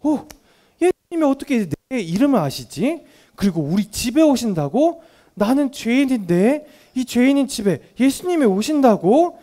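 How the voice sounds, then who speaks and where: An eager, amazed short tax collector, as a man puts him on while telling a Bible story to young children. The voice sits high and swings widely in pitch as he wonders aloud. It is earnest and full of delight. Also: very animated, moderate pace, mellow. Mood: wondering.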